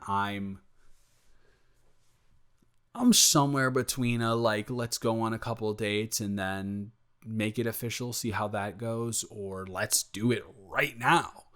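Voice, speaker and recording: Playing a lovestruck, playful young roommate in an improvised romance roleplay, this man talks in a halting, self-correcting, joking ramble. His fairly low, slightly bright voice comes across as earnest and teasing.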